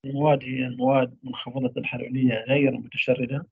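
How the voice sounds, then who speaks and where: A man giving a university radiology lecture, trailing off mid-phrase into drawn-out fillers. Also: mid-range voice, flat delivery, breathy edge, no echo. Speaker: medical lecturer. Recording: dull lo-fi dry recording.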